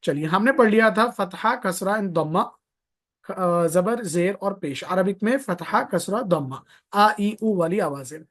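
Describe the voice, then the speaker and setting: A man's voice: high-pitched, expressive, measured pace, a bit bright. A man teaching Quran recitation in a live online lesson, patiently repeating points, drawing out vowel sounds to demonstrate them and sprinkling in pious blessings.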